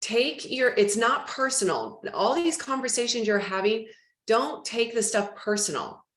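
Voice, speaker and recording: A woman leading a real estate team training, talking in a chatty, animated way and acting out phone calls. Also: fairly high pitch, measured pace, roomy sound.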